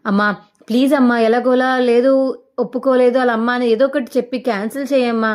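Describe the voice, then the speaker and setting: A woman's voice: on the high side, fairly even intonation, fast, darkish tone, close to an everyday voice. A woman voicing a pleading young wife with a secret. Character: young wife hiding a secret son, pleading then snapping.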